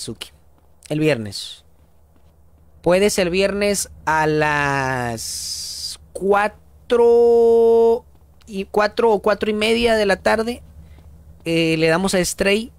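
A man's voice: sits high, slight background noise. A young Mexican man streaming a game live, slangy and upbeat, chatting with viewers as he plays. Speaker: gaming streamer. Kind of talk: live game commentary, reading chat.

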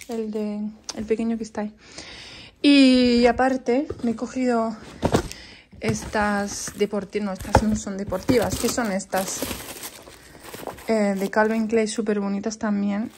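Young female vlogger, casual home chat to camera, rambling with restarts, slightly high voice. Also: darkish tone, a little hiss or hum. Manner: chatty, rambling, frequent restarts.

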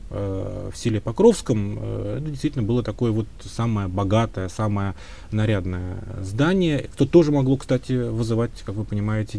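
Man talking history in an interview, mellow warm tone, lots of ums, careful and hedging. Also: on the low side, creaky. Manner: thoughtful, hedging, many filler sounds. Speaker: historian guest. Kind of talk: conversational interview answers.

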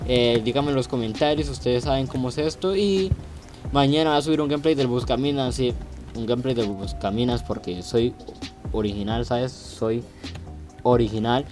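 A man, giving casual, joking gameplay commentary and bursting into shouts when things go wrong. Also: mid-range voice, moderate pace, faint music behind. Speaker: gaming youtuber.

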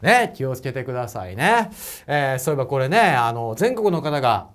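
A man's voice: medium pitch, sing-song, fairly quick, fairly bright tone. A man with an Osaka accent teaching exam physics in a lecture, chatty and joking, often asking his viewers questions. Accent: Osaka Japanese. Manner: chatty, asks viewers questions, laughs at own jokes. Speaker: prep school physics teacher. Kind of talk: whiteboard lecture to camera.

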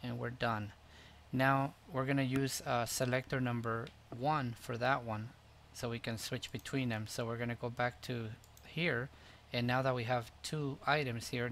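A man hosting a screen-recorded tutorial, explaining each step in a relaxed way with frequent fillers. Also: medium pitch, slight background noise. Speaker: tutorial host.

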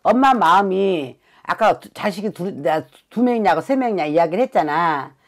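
With a lowish, expressive voice at a moderate pace, a fortune teller from Suncheon in South Jeolla, Korea, conducts a consultation. She's direct and emphatic, drops some swear words, and keeps checking "right?" to get agreement.

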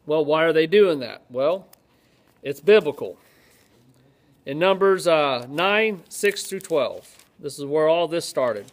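A man's voice: a little high, lively intonation, slow pace. Man, 30s, pastor, casual Bible teaching, joking asides, emphatic scripture reading, webcam in an office. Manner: conversational, joking asides, reads scripture aloud with rising emphasis. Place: office-like room with ceiling lights, indoors.

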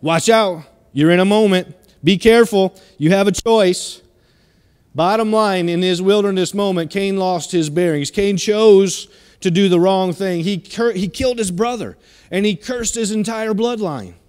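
A man's voice: high-pitched, a little slow, darkish tone, clean tone, in a large hall. A middle-aged man preaching a sermon in a church, emphatic and given to repeating his phrases as he exhorts the congregation. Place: church sanctuary.

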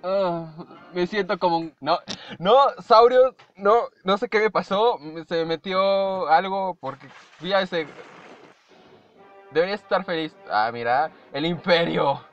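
A young man with a Mexican accent chats playfully through a reaction video, his voice sitting high. He hums and imitates little tunes between comments. The audio is muffled and lo-fi, with faint music underneath. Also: unhurried.

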